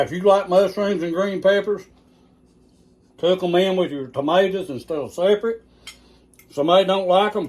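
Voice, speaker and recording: A man's voice: high voice, a little mellow. A man hosting a casual cooking video in a home kitchen, folksy and chatty, talking straight to his viewers. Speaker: cooking channel host.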